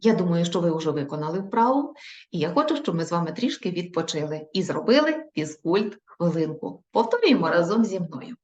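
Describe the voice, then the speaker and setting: A woman teacher leads young children through a recorded lesson, speaking slowly and carefully. Her voice sits a little low. The sound is roomy and echoey, with a dull, lo-fi quality. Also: sing-song, a little mellow. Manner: slow, careful dictation with repeated words. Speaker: primary school teacher.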